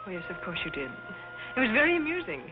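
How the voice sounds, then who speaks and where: An actress playing a haughty, spoiled young socialite trading imperious screwball comedy banter in a 1930s film style. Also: female voice, medium pitch, wildly swooping pitch, quick pace. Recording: dull old film soundtrack, music behind.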